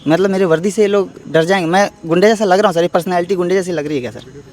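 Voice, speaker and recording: Young guy talking fast and high, defending himself to a reporter outside, keeps saying sir. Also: darkish tone. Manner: defensive, emphatic, repeatedly says "sir". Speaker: interviewee, ITBP jawan and cricket coach. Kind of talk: street interview.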